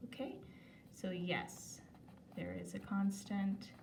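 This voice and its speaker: A woman teaching math in a recorded video lesson, talking at an unhurried pace and chatting as she works through problems, often correcting herself. She sits a little back from the mic. The room is echoey, with faint ambient noise behind her. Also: mid-range voice, flat delivery, gravelly, darkish tone, far from the mic. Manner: chatty, talks while writing, self-corrects.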